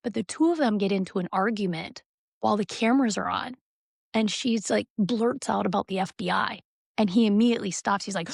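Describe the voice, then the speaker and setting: Woman podcast host, lively storyteller, dry close-miked sound, mid pitch. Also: a little fast, gravelly, husky, dry recording. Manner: animated storytelling, recounting reality TV scenes. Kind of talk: casual podcast chat.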